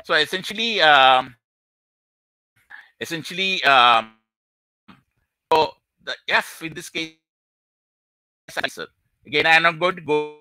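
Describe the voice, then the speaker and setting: A man gives a halting live-streamed physics talk, stopping and restarting his sentences between fillers. His voice is very bright and sits dry and close, but a faulty mic crackles and cuts in and out under him. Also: a little high, no echo. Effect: crackling mic cutting in and out. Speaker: presenter of his physics theory. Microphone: faulty microphone on a video call. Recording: dry sound, mic dropping out.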